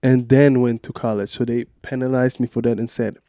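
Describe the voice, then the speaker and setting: A young man from Switzerland tells a story in a casual podcast interview. His voice is mellow and dark, and he acts out what others said. The sound is close and dry. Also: mid-range voice, a little fast, dry recording. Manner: animated storytelling with acted-out quotes. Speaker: guest, professional basketball player.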